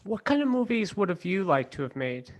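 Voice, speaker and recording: A man's voice: high voice, big pitch swings, a little fast, dull audio. A man hosting an interview, asking short questions and giving brief agreements. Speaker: podcast host.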